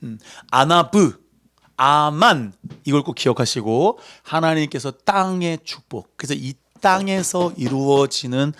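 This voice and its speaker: Lively Korean man preaching. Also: fairly high pitch, measured pace. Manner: lively, conversational preaching that acts out voices. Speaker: pastor. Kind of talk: sermon.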